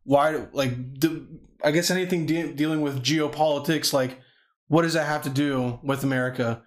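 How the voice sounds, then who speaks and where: A man's voice: fairly high pitch, steady tone, normal speed. A young man hosting a casual podcast, rambling and swearing as he jokes. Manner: profane, rambling, joking. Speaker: podcast host. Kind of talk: casual chat.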